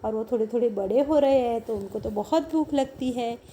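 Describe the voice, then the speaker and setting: A woman's voice: a little high, dark tone, a little hiss or hum. A woman teacher reads a children's story aloud line by line and explains each line in Hindi, asking the children questions. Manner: reads English lines slowly, then explains in Hindi; asks children questions, patient and encouraging.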